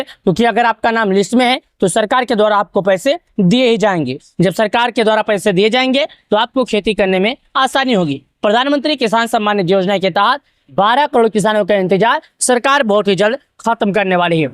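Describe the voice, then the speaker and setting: A woman's voice: a little high, no echo, clean studio sound. A woman from Uttar Pradesh presenting a news channel, narrating a screen-recorded tutorial step by step and speaking directly to farmers in a repetitive way. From Uttar Pradesh, India.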